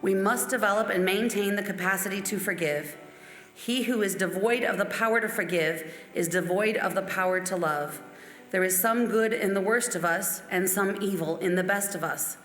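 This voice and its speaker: A woman who belongs to a church reads out famous quotations in a mid-range, fairly bright voice at a normal speed. The recording has an echoey hall sound with faint music in the background.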